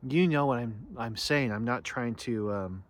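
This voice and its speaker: A man of ordinary pitch gives an unscripted spiritual talk, earnest and reflective. He speaks haltingly, stops to restart phrases and leans on "you know" as he searches for words. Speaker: spiritual teacher.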